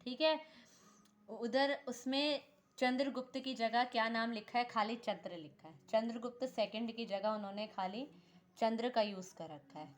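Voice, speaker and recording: Speaking at a normal speed in a voice on the high side, a woman runs a history lesson aimed at exams. She answers the questions she raises, repeats key names, and often drops in "theek hai" along with small corrections of herself.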